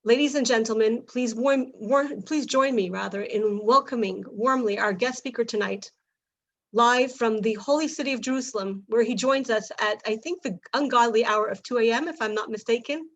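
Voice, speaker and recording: A woman hosting an evening talk over a video call, introducing her guest and interviewing him in a measured, earnest way. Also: on the high side. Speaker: host.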